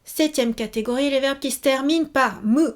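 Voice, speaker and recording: A woman's voice: sits high, normal speed. A woman giving a casual video lesson, chatty, with many fillers, repeating each example word. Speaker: Japanese teacher.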